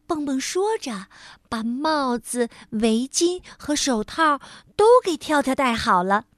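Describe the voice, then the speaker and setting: A woman storyteller slowly and expressively narrating a children's story on a close mic. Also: a little high, no echo. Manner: slow, expressive, warm storyteller tone.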